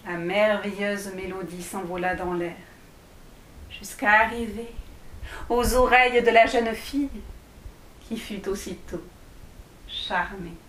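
Une femme qui lit un conte pour enfants à voix haute, sur un ton doux et posé. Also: female voice, mid-range voice. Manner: slow, gentle storytelling. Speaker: storyteller. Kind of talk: reading a children's tale aloud. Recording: echoey room.

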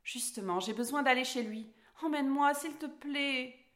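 A woman's voice: high-pitched, moderate pace, fairly bright tone, pitched above the performer's own voice. Alice, a woman doing an eager little girl.

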